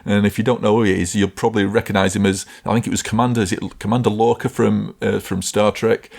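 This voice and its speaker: A man's voice: fairly low pitch, fairly even intonation, fast talker, creaky, a little mellow. A man co-hosting a podcast in casual chat, rambling and emphatic, often correcting himself as he talks. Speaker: podcast co-host.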